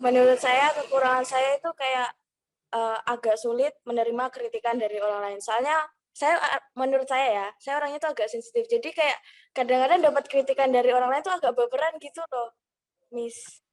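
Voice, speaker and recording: A woman participant answering an interview question hesitantly, with pauses and fillers. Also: high-pitched, steady tone. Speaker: workshop participant.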